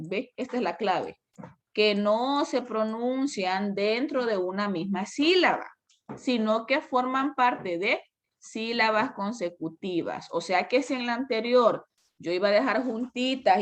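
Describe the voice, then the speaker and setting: Woman, fairly high voice, teacher on a video call, patient and repetitive. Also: fairly bright tone. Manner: explains slowly, uses playful diminutives, repeats key points. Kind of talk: online class lecture. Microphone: computer mic on a video call.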